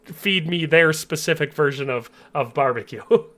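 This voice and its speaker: Chatty, bright-voiced streamer man. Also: a little high, normal speed. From US Upper Midwest. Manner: chatty, laughs easily, reads chat aloud. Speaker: game streamer. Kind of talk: casual livestream chat.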